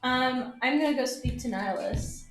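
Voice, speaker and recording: A woman playing a tabletop role-playing game, playful and quick to giggle. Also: high voice, soft background music. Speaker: player. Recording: roomy, with audible background noise.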